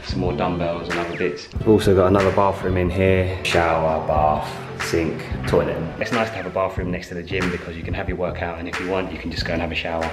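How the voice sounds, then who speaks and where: A man's voice: low-pitched, flat delivery, fast, few pauses, over music. A man giving a casual, chatty tour of his house, moving from room to room and joking as he goes. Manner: chatty, laid-back, jokey asides.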